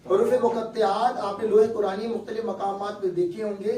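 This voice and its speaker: A man's voice: sits high, level tone, brisk, dark tone, roomy sound, recorded from a distance, poor audio. A male teacher giving a classroom lesson on Quran recitation, explaining step by step and quizzing his students.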